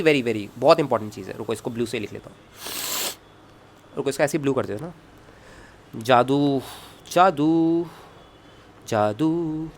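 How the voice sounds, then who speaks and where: A man's voice: on the high side, vocal fry, slight background noise. A man teaching a physics lecture, coaxing students with constant check questions and jokey asides. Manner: jokey asides and self-talk while writing. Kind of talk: online lecture at a whiteboard.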